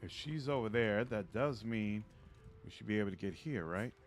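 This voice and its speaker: A man's voice: fairly low pitch, lively intonation, normal speed, a little hiss or hum. A man streaming a video game, giving casual live commentary, thinking aloud and often trailing off.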